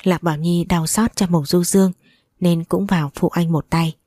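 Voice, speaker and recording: A woman's voice: lowish voice, steady tone, moderate pace, dark tone, no room sound, clean studio sound. A woman narrating a novel as an audiobook, reading steadily and evenly.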